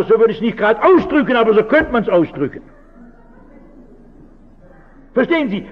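High-voiced pastor in a reverberant hall. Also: male voice. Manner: earnest, keeps asking rhetorical questions. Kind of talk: reflective talk to an audience. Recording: dull recording with long hall reverb.

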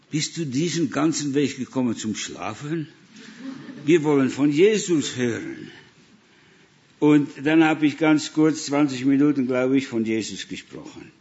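A man's voice: mid-range voice, a little mellow, highs cut off. A man from the Netherlands with a Dutch accent, preaching in German and telling missionary stories with acted-out dialogue. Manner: storytelling, acts out dialogue. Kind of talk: sermon with anecdotes.

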